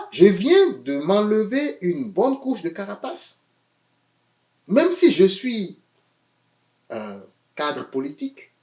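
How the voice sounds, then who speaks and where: In an echoey room, a high-pitched man preaches a sermon with animation, alternating loud, emphatic lines with quiet asides and often repeating words while searching for them.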